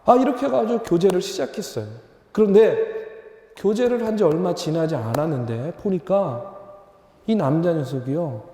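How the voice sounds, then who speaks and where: A young male pastor preaching a sermon, telling a story with lively humor in a church. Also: high-pitched, moderate pace, slight background noise. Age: young adult. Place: church sanctuary. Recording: reverberant church hall.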